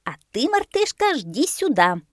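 A woman's voice: sits high, sing-song, unhurried, no echo, studio quality, pitched above the performer's own voice. A woman voicing a bossy, self-important parrot in a storybook reading. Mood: lecturing. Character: bossy know-it-all parrot.

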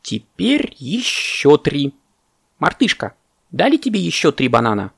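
A man's voice: a little high, huge pitch swings, a little slow, creaky, a bit bright, breathy edge, voice pushed up, heavily acted. A man voicing a fussy, self-important male parrot teaching sums in a children's story, lecturing. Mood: instructing.

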